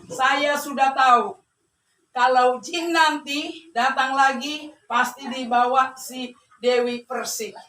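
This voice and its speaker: A woman's voice: sits high, fairly even intonation, slow pace, fairly bright tone, recorded from a distance. A woman preacher voicing a poor old male woodcutter, wailing and pleading, in a spoken story. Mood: sly. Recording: echoey hall, mic from afar.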